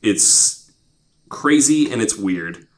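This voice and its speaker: A podcast host tells stories in a casual, emphatic chat, swearing easily. His lowish voice has lively intonation and drawn-out words, and the recording is clearly noisy, with clicks.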